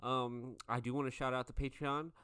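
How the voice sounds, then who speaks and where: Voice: mid-range voice, little pitch movement, normal speed, a bit bright, clear, resonant tone, no echo, clean studio sound. A co-host of a tabletop game podcast, talking in a chatty way full of filler while playing and reading show announcements.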